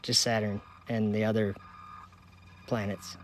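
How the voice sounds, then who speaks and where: A man's voice: fairly low pitch, measured pace, a little hiss or hum. A man from Minnesota hosting a casual outdoor livestream at night, chattily reading viewer comments and locations aloud while he runs a telescope. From Minnesota, United States. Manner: relaxed, reads viewer locations aloud in a chatty running list. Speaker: livestream host.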